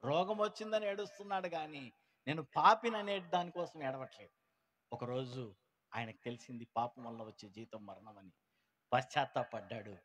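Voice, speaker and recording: At a church gospel meeting, a man with a medium-pitched voice tells his conversion story at a moderate pace, veering between loud outbursts and hushed lines. It is an emotional testimony, and he acts out the people he quotes in changed voices.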